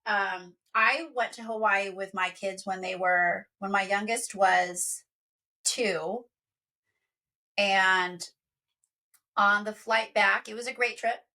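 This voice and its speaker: A woman in her thirties, co-hosting a podcast, telling a story in an animated way. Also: medium pitch. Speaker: podcast co-host. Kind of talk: casual chat.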